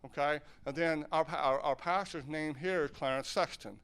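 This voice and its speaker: A man's voice: fairly high pitch, normal speed, a bit bright, clean tone. A man from southern Ohio who teaches sign language, giving a loose, self-correcting talk and questioning his audience.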